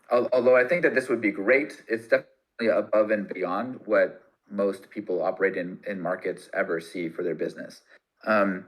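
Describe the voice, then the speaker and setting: A man's voice: fairly low pitch, poor audio. Man on a call with breaking-up audio. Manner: measured, thinks aloud with fillers. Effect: audio breaking up over a voice-chat connection. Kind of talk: explaining on an online community call. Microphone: voice chat microphone.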